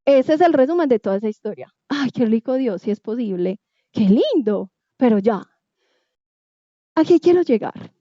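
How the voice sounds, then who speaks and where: A high-voiced woman with a Colombian Spanish accent tells a personal faith testimony with emotion, acting out her conversations in shifting tones. Her voice sounds mellow. The recording is muffled and dry. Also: expressive, no room sound. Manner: emotional, acts out dialogue with quick shifts in tone. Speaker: testimony speaker.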